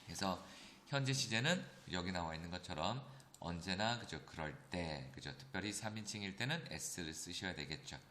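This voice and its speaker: A man teaching an English grammar lesson, explaining step by step and often checking in with his students. He slows down to read English example sentences aloud. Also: low voice, expressive, pushed and bright, echoey room, slight background noise. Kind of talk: recorded classroom lecture.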